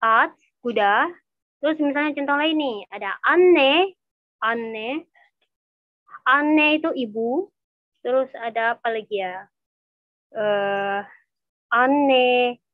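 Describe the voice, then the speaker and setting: A woman teaching an online Turkish lesson, patiently repeating each sound slowly for her learners. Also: on the high side, no echo. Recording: dull, slightly lo-fi dry recording.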